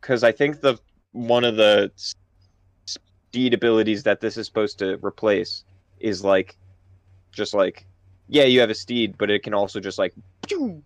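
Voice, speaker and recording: A man acting as game master, talking casually and haltingly with frequent restarts. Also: fairly low pitch, steady tone, dry recording. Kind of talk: casual tabletop game chat.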